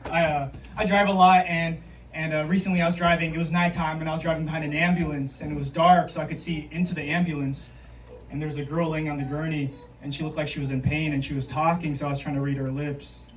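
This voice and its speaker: Man, stand-up comic, deadpan, slightly high voice, heard from a distance on stage. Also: fast talker. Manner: deadpan one-liners, dry understated delivery. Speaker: stand-up comedian. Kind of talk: stand-up comedy set. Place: comedy club stage with audience laughter. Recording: distant mic, loud background noise. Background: audience laughter.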